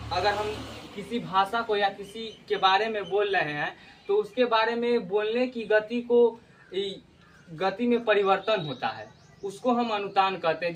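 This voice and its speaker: A man's voice: sits high, a bit bright, slight background noise. A man teaches a grammar lesson, repeating key words and explaining with everyday memory tricks.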